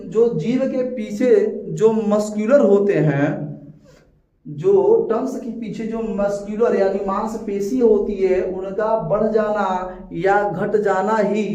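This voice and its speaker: Captured in dull, distant, echoey lo-fi audio, this high, warm-toned male teacher lectures with call-and-response, asking his students rhetorical questions and repeating important words.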